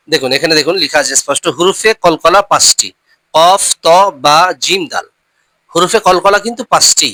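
A male teacher walks his students through recitation rules step by step, spelling out letters and syllables slowly before repeating them. His voice is bright and a little high. The recording is dry and close, with no room sound around him. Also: dry recording, rough recording. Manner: reminds listeners often to remember the rules.

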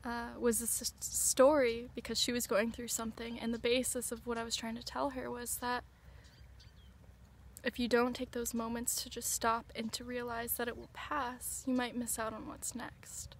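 A woman in her twenties talking to camera outdoors in a reflective vlog, dreamy, halting and earnest while tripping on mushrooms. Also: fairly high pitch, flat delivery. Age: 20s. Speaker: vlogger. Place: outdoors on a sandy riverbank. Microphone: camera or phone at arm's length. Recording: outdoor ambient noise, handheld camera.

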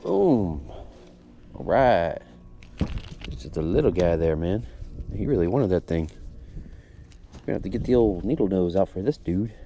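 Man, low mellow voice, easygoing fishing chat, outdoors on a boat, faint background noise. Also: animated, normal speed, long pauses. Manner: laid-back, upbeat, says "boom" a lot. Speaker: fishing channel host. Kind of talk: casual fishing commentary. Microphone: action camera on the boat.

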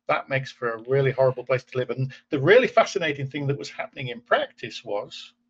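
Husky guy from england thinking out loud on a video call, dull muffled audio. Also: mid-range voice. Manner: thoughtful, musing, restarts phrases. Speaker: host. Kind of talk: casual video-call interview. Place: indoor room at home. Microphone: webcam video call.

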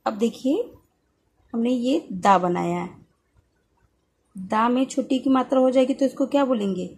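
A woman teaching young children, slowly repeating each syllable for them to echo. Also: a little high, a little mellow, slightly rough.

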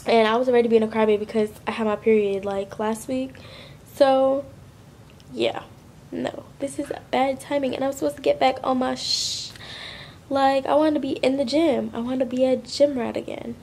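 A woman's voice: high voice, level tone, normal speed, darkish tone, slight background noise. A young woman in her twenties chatting casually to camera while sick, her voice stuffy and nasal, rambling in slangy speech. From Florida. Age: 20s. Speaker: lifestyle vlogger. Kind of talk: casual vlog chat to camera.

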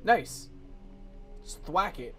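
Male gaming buddy, higher voice with very lively pitch, teasing and sweary, casual delivery. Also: drawn-out words, faint music behind. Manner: profane, teasing. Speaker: co-op gaming partner.

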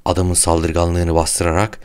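A man narrating an audiobook in a measured, even storytelling delivery. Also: deep voice, smooth.

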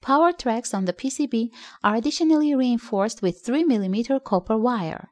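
A woman's voice: a little high, brisk. Woman narrating an electronics build. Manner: steady explanatory reading with non-native phrasing. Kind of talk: scripted voice-over narration. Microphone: voice-over.

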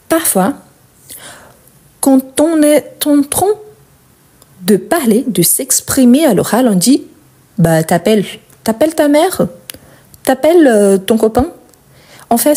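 A woman teaching French verb conjugation, explaining slowly and stressing each example word, often checking in with "Ok?". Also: fairly high pitch, warm tone, slightly rough. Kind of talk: conjugation lesson.

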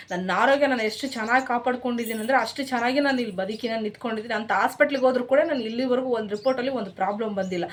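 A young woman vlogger with a Kannada accent, scolding her viewers in an indignant, emphatic rant straight to camera. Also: on the high side. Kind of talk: emotional direct-to-camera rant.

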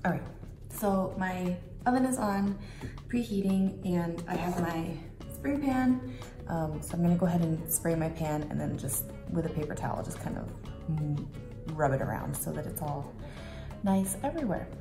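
Woman in her thirties, casual home cooking chat, filler-heavy, slightly low pitch, kitchen camera mic. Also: moderate pace, music in the background. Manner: friendly, rambling, lots of fillers. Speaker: home baking vlogger. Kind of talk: casual chatty cooking demo.

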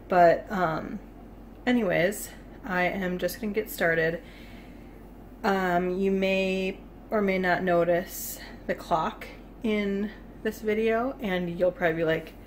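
A woman's voice: lowish voice, a little hiss or hum. A young woman talking casually in her home kitchen as she cooks, rambling with lots of fillers, filmed on a phone held at arm's length. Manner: chatty and rambling, with many fillers. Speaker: cooking vlogger. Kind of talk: casual cook-along vlog. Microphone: phone camera at arm's length.

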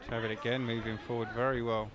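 A man's voice: medium pitch, level tone, fast, lo-fi sound. A man giving live MMA fight commentary in clipped, present-tense phrases. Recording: loud venue crowd noise behind. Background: loud crowd.

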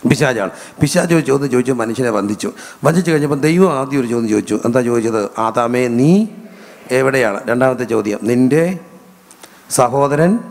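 A man's voice: mid-range voice, big-room sound. A man with a Malayali accent preaching a sermon as pastor, asking his congregation questions and answering them himself, stretching out key words. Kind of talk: sermon with call-and-response questions. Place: church hall.

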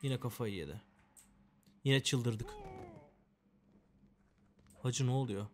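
A man's voice: medium pitch, slow pace, slight background noise. A man giving casual, joking commentary while playing a game, chatting to the characters and complaining in a mock-dramatic way. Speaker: gameplay commentator. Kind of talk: casual let's-play commentary.

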